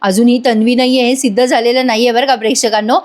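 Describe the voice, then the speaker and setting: High-voiced woman recapping a soap. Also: fairly even intonation, quick pace, darkish tone. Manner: chatty, addresses the viewers directly. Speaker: TV serial reviewer. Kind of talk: voice-over episode recap.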